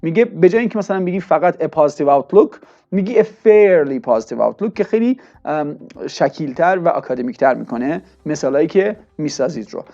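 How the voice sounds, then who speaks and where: A man's voice: fairly high pitch, expressive, mellow. Man teaching English words. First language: Persian. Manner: explains in Persian, reads English examples slowly and deliberately. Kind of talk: vocabulary lesson. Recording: dull lo-fi sound with faint music.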